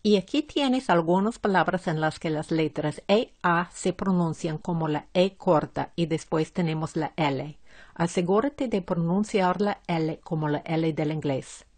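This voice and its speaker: Woman pronunciation teacher, low voice, slow and deliberate, dry close sound. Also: a little mellow, dry recording. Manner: enunciates each English word deliberately. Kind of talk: slow, careful word-by-word instruction.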